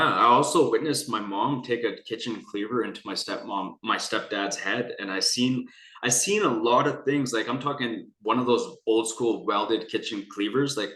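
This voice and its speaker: A man's voice: fairly low pitch, normal speed, sharp tone. A young man from Canada telling his personal story in a candid conversation, rambling and earnest with many restarts. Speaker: guest. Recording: echoey room.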